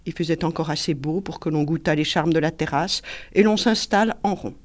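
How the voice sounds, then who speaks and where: A woman's voice: sits low, brisk. Woman reading a literary excerpt aloud. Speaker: reader.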